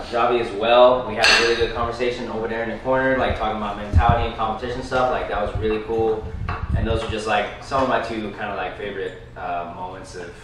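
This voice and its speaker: A man's voice: fairly low pitch, heavy background noise. A man in his thirties from Las Vegas, a kendama player chatting casually at a roundtable, laid-back with lots of slang and fillers. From Las Vegas, United States. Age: 30s. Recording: roomy, distant, dish clatter behind.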